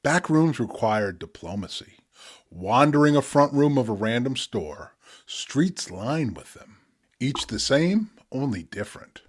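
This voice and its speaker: A man in his sixties reciting spoken word poetry in a measured, deliberate delivery with dramatic pauses. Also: medium pitch, sing-song, slightly rough. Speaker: poet presenting own work.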